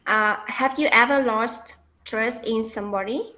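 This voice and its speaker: A woman acting as practice examiner, briskly reading out interview questions with short acknowledgements. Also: a little high, pushed and bright.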